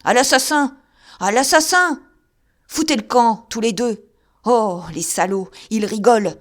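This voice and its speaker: A woman yelling as a raving drunk man. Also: medium pitch, unhurried, close to an everyday voice. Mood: terrified. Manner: yelling, frantic, rough slang.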